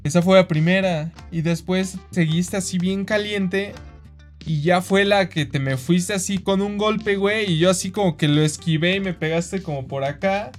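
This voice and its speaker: A man with a Mexican accent co-hosting a podcast, telling a story in animated, slang-heavy casual chat. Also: high-pitched, normal speed, soft background music. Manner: animated storyteller, acts out quoted voices, slangy, says güey constantly. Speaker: podcast co-host.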